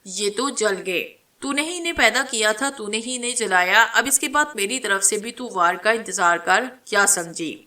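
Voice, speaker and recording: A woman's voice: mid-range voice, expressive, sharp tone. A woman reading a scornful witch spirit. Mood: taunting. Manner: taunting, rough commands. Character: vengeful female witch spirit, scornful and fierce. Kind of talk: dramatic storytelling.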